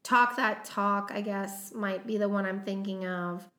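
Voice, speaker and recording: Running through cast notes for a film podcast she co-hosts, a woman speaks in a mid-range voice with a sharp tone and fairly even intonation. Her delivery is unhurried and casual, peppered with many "um"s.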